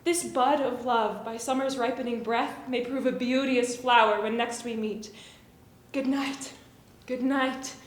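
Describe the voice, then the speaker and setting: A woman's voice: a little high, fairly even intonation, unhurried, echoey room, a little hiss or hum, lightly acted. A woman playing a lovestruck, playful, eager young maiden in theatrical Shakespearean verse. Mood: tender. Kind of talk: theatrical Shakespearean stage acting.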